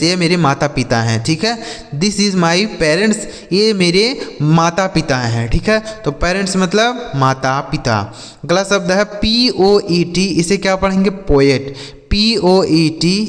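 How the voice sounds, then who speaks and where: A man's voice: high-pitched, big-room sound. A man teaching English words one by one, spelling each aloud, asking questions and answering them himself. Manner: slow and deliberate, spells letters and repeats each word. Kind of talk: word-by-word spelling lesson.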